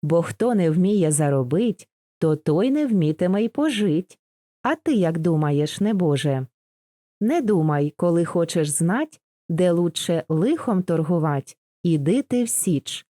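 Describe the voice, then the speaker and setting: An old Cossack father speaking in a homely, instructive way, read by a woman. The voice sits low and mellow, close and dry, with no room around it. It sounds like a storybook audiobook. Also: lively intonation, measured pace, dry recording. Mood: advising. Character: old male Cossack father, wise and steady.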